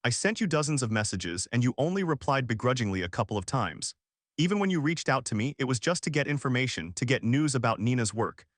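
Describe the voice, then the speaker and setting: A man's voice: medium pitch, fairly bright tone, dry recording, clean studio sound. A man voicing a remorseful young husband and father in a dubbed drama, earnest and tender. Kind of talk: dubbed short-drama dialogue.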